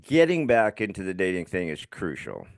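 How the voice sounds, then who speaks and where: A man's voice: low voice, wildly swooping pitch, normal speed. A middle-aged man with a slight lisp, a podcast guest telling frank, self-deprecating stories in a conversational interview.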